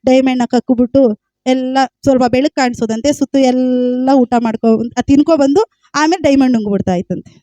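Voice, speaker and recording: A woman's voice: high-pitched, warm tone, no echo. A woman preaching a sermon with a Kannada accent, emphatic, repeating phrases and calling out hallelujah.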